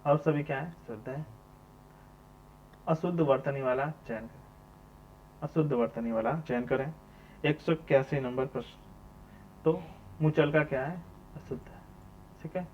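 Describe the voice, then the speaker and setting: A man's voice: a little high, unhurried, long pauses. A man teacher going through exam questions one by one, repeating each question number and then answering it himself. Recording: dull lo-fi sound with mains hum.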